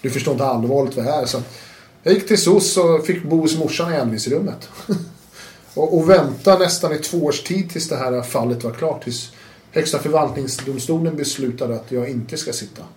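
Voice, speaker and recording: Lively man telling his story, roomy sound. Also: on the high side. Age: adult with children. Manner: animated, swears, acts out quotes, laughs often. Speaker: interview guest. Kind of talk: casual storytelling. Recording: roomy room with faint noise.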